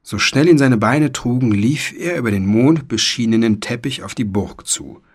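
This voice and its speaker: A man narrating a children's storybook in an expressive, dramatic way. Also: medium pitch, normal speed, husky. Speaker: audiobook narrator.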